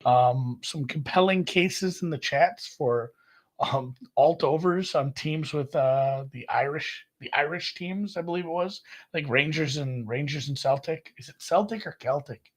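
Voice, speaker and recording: Chatty man rambling about bets. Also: measured pace. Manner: rambling, self-correcting, lively jumps in pitch. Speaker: podcast co-host. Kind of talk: casual sports betting chat.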